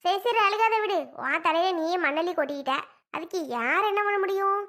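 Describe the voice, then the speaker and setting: A woman's voice: extremely high pitch, a little fast, sharp tone. A woman playing a mocking, gossiping sister-in-law who taunts the family in a homemade family drama skit. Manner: taunting, sneering, laughs at others.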